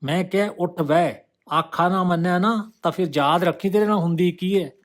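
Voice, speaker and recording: A man's voice: medium pitch, normal speed, natural voice. A man voicing a harsh male pimp who barks orders and then coaxes. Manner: barking, then coaxing.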